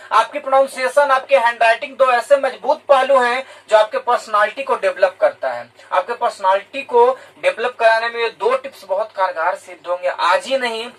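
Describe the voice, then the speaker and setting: A man's voice: sits high, a bit bright, recorded from a distance, low-quality recording. A man from India, a teacher giving a motivational talk to students, explaining points and repeating key words in two languages. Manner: explanatory, repeats key words in English and Hindi, addresses listeners directly.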